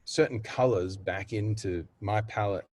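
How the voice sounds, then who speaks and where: An Australian man, a singer and voice coach, talking earnestly and reflectively as a guest in a casual interview, often pausing and restarting his thoughts. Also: lowish voice, a little mellow.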